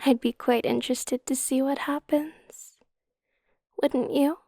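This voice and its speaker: A woman guiding a hypnotic induction in a slow, soothing hypnotist manner, with a soft, breathy, half-whispered ASMR delivery. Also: sits high, steady tone, dry recording, studio quality. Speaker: hypnotist guide.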